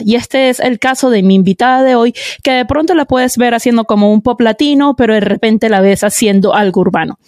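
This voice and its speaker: A woman's voice: on the high side, a little mellow, no room sound, clean studio sound. A woman hosting a casual podcast interview, effusive and chatty as she introduces and praises her guest. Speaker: podcast host.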